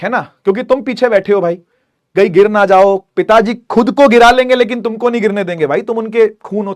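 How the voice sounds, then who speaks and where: An energetic young man teaches a lecture to students he cannot see. His voice sits high for a man. He drills points by repeating them and keeps throwing questions at the class. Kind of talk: online lecture.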